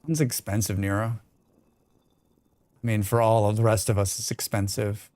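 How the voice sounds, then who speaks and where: Here a streamer with a General American accent talks casually while gaming, drifting off topic and replying to chat. He has a lowish, level voice at normal speed with a darkish tone, recorded dry.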